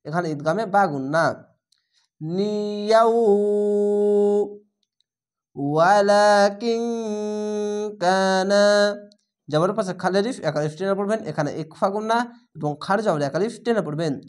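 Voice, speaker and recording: This Quran reading teacher, a man with a Bangladeshi accent and a voice that sits high, works through a spelling-out recitation lesson. Every letter and vowel mark is named aloud before he chants the whole word in a slow, stretched-out way.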